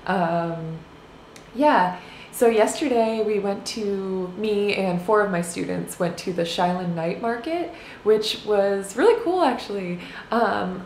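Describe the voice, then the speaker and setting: A woman's voice: medium pitch, darkish tone. A young woman in her twenties chatting casually to a handheld camera in a small hotel room, rambling with lots of fillers and little laughs. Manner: rambling, filler-heavy, giggly. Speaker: vlogger. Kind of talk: casual vlog chat. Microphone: handheld camera close up. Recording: roomy hotel room sound, faint hiss.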